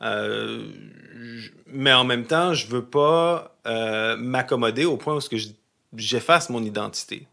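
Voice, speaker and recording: A man with a Québécois accent, talking in a thoughtful conversation with halting restarts. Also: mid-range voice, creaky, bright, forceful tone. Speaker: guest. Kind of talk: casual conversation.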